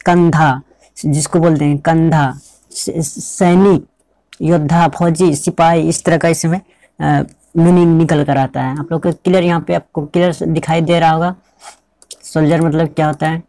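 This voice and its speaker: A man's voice: on the high side, fairly even intonation, unhurried, warm tone, dry recording. A man teaching English pronunciation in a classroom style, spelling out words, repeating them and checking with rhetorical questions.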